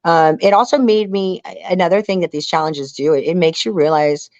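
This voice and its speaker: A middle-aged American woman, an outdoor survival show contestant and angler, talks as an interview guest in a casual, earnest, rambling style full of "you know." Her voice is on the low side and darkish, and she speaks briskly. There's no room sound, and the highs are cut off.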